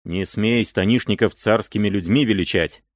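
A man reading an audiobook, voicing an indignant noble prince who speaks in a low, brooding voice. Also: normal speed, dry recording, clean studio sound, natural voice.

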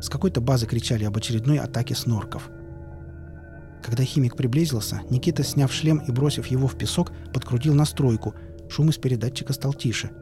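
A man's voice: medium pitch, fairly quick. Man narrating an audiobook over music. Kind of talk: scripted narration.

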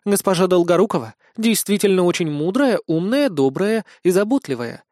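A man voicing a polite young noble girl who speaks in a measured, formal way. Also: high voice, lively intonation, a little mellow, no echo, clean studio sound, voice pushed up.

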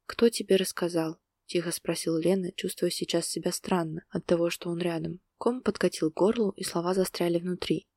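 A woman narrating a romance story in a measured, even storytelling manner. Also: fairly low pitch, dry recording, studio quality.

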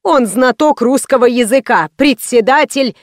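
A woman's voice: fairly high pitch, measured pace, no echo, clean studio sound, natural voice. A woman voicing a haughty, stern middle-aged woman writer who speaks in a cold, curt, disdainful way. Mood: lofty.

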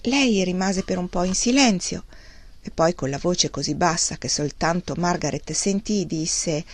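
A woman reading a novel aloud as an audiobook, narrating in a steady, measured way. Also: fairly low pitch. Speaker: reader.

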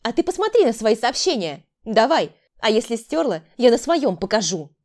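A woman's voice: on the high side, big pitch swings, normal speed, a little mellow, pitched above the performer's own voice. A woman voicing a stern older sister, a doctor, who interrogates and gives orders in a raised voice. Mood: angry. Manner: commanding, interrogating.

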